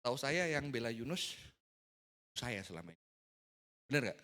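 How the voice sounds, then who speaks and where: A man's voice: medium pitch, sing-song, normal speed, pushed and bright. A middle-aged man preaching a casual, joking sermon to a youth service, mixing in English words.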